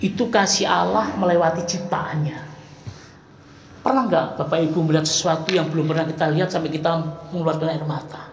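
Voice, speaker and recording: A man with a light, high voice preaches in an East Javanese accent, chatty and folksy, jumping from loud exclamations to soft asides. His voice rings around an echoey church hall. A faint hum of background noise sits underneath. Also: brisk, creaky, highs cut off. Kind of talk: Sunday sermon.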